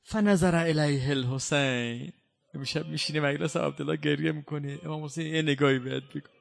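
A man giving a mourning sermon. He recites quoted lines slowly and drawn out, then explains them in plain speech, with fervent, impassioned delivery. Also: a little high, fairly even intonation, vocal fry. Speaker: preacher.

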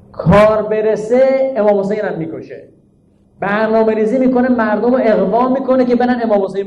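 A preacher with a high-sitting, dark-toned male voice delivers a sermon, posing rhetorical questions to his listeners, pressing his points in an emphatic teaching manner, and reciting Arabic verses. The recording is dull and echoes like a hall.

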